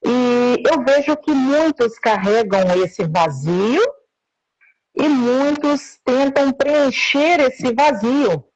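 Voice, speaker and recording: A woman with a high, slightly mellow voice speaks slowly and deliberately as a guest in a live interview. The call line is choppy and breaking up, giving dull lo-fi audio.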